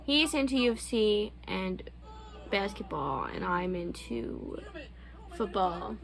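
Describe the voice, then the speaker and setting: A woman's voice: medium pitch, animated, slow pace, creaky, a crowd in the background, poor audio. A young adult woman hosting a casual couple's Q&A vlog, chatting candidly with loose, profane phrasing. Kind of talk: casual chat.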